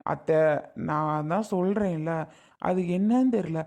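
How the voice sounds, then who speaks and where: Man playing a gravelly defensive young husband. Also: high-pitched, unhurried, darkish tone. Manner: pleading, exasperated protests. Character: defensive young husband, exasperated son-in-law.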